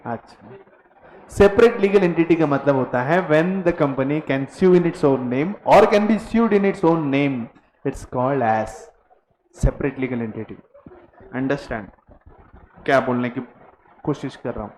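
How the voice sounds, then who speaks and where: A man's voice: mid-range voice, slow pace, darkish tone, reverberant, a little hiss or hum, rough recording. A man teaching a commerce class, mixing Hindi and English and teasing his students. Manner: mixes Hindi and English, drills students to repeat words. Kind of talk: classroom lecture.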